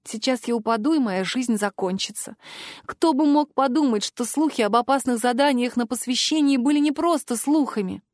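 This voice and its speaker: A woman with a fairly high voice narrates a first-person fantasy audiobook, expressive and emotional. The close studio mic gives a dry sound with no room around it. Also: normal speed, no room sound.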